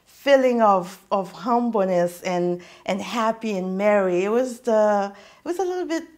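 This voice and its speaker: Measured woman from Haiti, TV guest. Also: mid-range voice, expressive, darkish tone. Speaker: guest, radio producer. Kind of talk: TV studio interview. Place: indoor TV studio set. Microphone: lapel mic.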